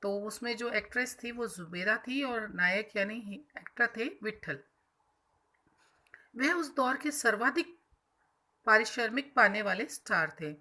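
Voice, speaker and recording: A woman teacher walks children through a textbook chapter, stopping to explain difficult words in plain terms. Her voice sits fairly high and sounds bright and sharp. She circles back and repeats points as she talks. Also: lively intonation, unhurried. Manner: explains hard words simply, with repetitions and restarts. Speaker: school teacher.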